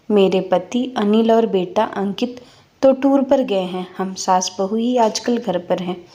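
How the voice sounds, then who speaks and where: A woman in her fifties telling a family story in the first person, calm and reflective. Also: medium pitch. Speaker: narrator.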